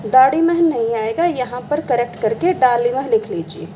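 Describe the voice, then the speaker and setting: In a low-quality recording with slight background noise, a woman teacher with a fairly high, dark-toned voice explains classroom exercises at a moderate pace. She is patient, calls her students beta, and often poses a question only to answer it herself.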